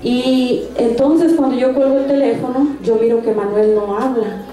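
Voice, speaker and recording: In an echoey church setting, a woman with a fairly high, warm voice tells her personal faith testimony at a moderate pace. She speaks earnestly in a steady tone but frequently starts over.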